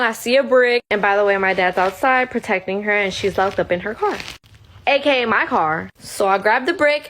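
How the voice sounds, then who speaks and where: A woman's voice: medium pitch, a bit bright. Twenty-something woman doing a storytime vlog, gets heated, cusses a lot, plays out what everyone said. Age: 20s. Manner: candid, heated retelling with frequent profanity; acts out quoted dialogue. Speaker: storytime creator. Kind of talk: casual storytime vlog in parts.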